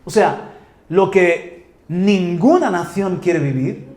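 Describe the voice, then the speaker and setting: A man from Murcia in Spain, a pastor preaching an animated sermon that builds to loud exclamations. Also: high voice, slow. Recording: echoey church hall.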